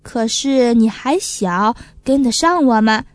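Woman doing busy magpie big sister, kind, hurried, storybook. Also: a little high, expressive, no echo, pitched below the performer's own voice. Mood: caring. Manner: warm, chiding, hurried.

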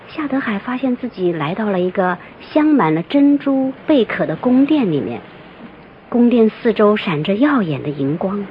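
A woman telling a folktale in scripted narration, expressive and lively. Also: medium pitch, slight background noise. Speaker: storyteller. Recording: muffled lo-fi recording, soft music.

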